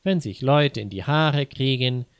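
A man narrating a story slowly and clearly for learners, pausing to explain idioms. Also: medium pitch, no room sound. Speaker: narrator and language teacher.

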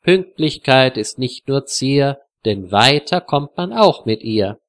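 A man's voice: mid-range voice, animated, slow pace, fairly bright tone. A man doing a polite, friendly young visitor. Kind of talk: storybook reading.

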